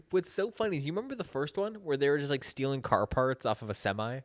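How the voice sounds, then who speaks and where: A man's voice: a little high, animated, normal speed. A young man co-hosting a podcast in casual chat, blunt and skeptical, swearing offhandedly. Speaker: podcast co-host.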